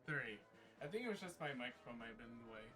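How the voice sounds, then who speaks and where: A man's voice: mid-range voice, big pitch swings, racing, bright, forceful tone, faint music behind. A man streaming live, chatting casually and counting his exercise reps aloud while catching his breath.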